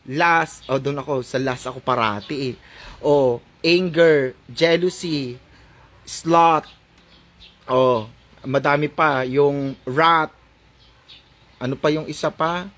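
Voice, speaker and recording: A man's voice: on the high side, takes it slowly, long pauses, fairly bright tone. A man from the Philippines giving sarcastic, taunting vlog commentary that mixes in English words. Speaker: vlogger. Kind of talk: mocking commentary.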